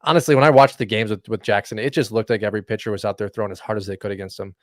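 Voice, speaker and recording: A man's voice: fairly low pitch, fairly even intonation, rapid-fire, dry recording, studio quality. A man co-hosting a casual fantasy baseball podcast, talking in a loose, rambling way with many fillers. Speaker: podcast co-host.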